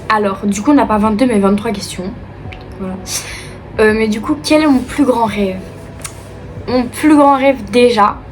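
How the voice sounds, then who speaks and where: A woman's voice: mid-range voice, darkish tone, a little hiss or hum. A young woman from Liège with a Belgian French accent, casually answering viewer questions in a chatty, upbeat way, full of fillers. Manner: chatty and upbeat, many fillers like euh and du coup. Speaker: vlogger. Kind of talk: casual Q&A chat.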